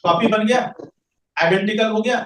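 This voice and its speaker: A man with a high voice speaking at normal speed teaches science to a classroom. He quizzes his students and answers his own questions, his voice distant from the mic and echoing around the room.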